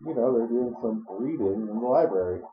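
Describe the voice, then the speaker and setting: A man's voice: mid-range voice, lively intonation, a little fast, music in the background. A young man joking and laughing as he comments on a video game. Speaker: let's play co-host. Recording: echoey room, muffled audio.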